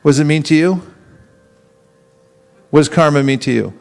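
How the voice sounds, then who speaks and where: A man with a slightly higher-pitched voice is teaching a live seminar. He keeps throwing questions at the room and slips into little acted-out exchanges to show how a conversation goes. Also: moderate pace, gravelly, faint music behind. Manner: keeps quizzing the audience with questions; acts out street exchanges in quoted voices.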